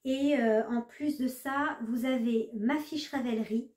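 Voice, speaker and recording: A slightly high-voiced woman talks casually to her viewers, chatty and full of small hesitations. The room around her is echoey. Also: steady tone, slow pace, a little mellow. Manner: chatty, hesitant with many fillers. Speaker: knitting vlogger. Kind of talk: casual chat to camera.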